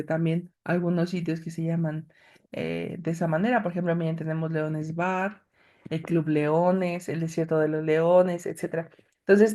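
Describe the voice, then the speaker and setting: Her voice low and warm, a woman leads an online class, patiently walking students through a screen demonstration in this recording. She explains clearly and speaks to the students directly.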